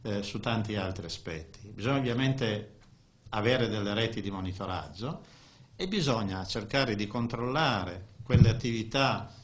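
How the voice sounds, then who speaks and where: A man in his sixties gives a technical talk at a conference, speaking into a desk microphone, halting with many restarts and fillers. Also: on the low side, lively intonation, slight background noise. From Italy. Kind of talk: technical presentation. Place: conference room, indoors.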